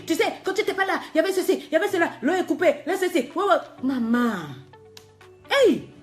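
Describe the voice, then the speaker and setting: High-pitched coach lady scolding her viewers, lots of questions, faint music under her. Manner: scolding, emphatic, rhetorical questions. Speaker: life coach. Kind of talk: motivational preaching to viewers.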